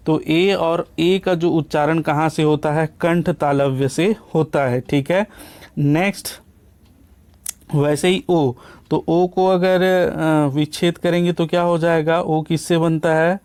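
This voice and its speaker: A man teaching a lesson, asking questions aloud and answering them himself, often checking in with a quick "okay". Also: fairly high pitch, darkish tone, clean tone. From India. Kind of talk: classroom lecture.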